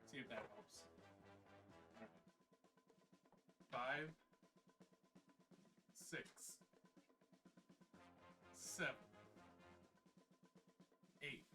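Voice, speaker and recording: A man's voice: mid-range voice, drawn-out words, pauses often, bright, forceful tone, soft background music. A man streaming live, chatting casually and counting his exercise reps aloud while catching his breath.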